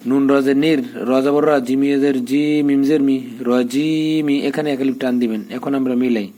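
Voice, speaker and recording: A man teaching the spelling of the Quran, drilling letters and vowel marks and then chanting each verse slowly. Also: medium pitch, fairly even intonation, warm tone. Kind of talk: spelling lesson in Quran recitation.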